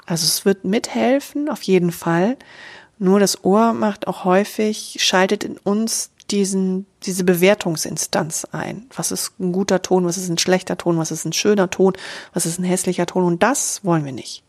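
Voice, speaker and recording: A woman's voice: on the low side, normal speed, a little mellow. A woman voice coach explaining a voice exercise on her podcast, speaking straight to the listener in an encouraging way. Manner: encouraging, direct address to listener. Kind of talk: podcast voice lesson. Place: podcast recording.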